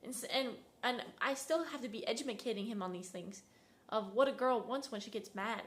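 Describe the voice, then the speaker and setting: A woman's voice: on the high side, brisk, fairly bright tone. A young woman talking straight to camera in a casual vlog, venting and full of fillers. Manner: chatty, fills talk with "like", "bro" and "dude"; irritated, venting. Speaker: vlogger.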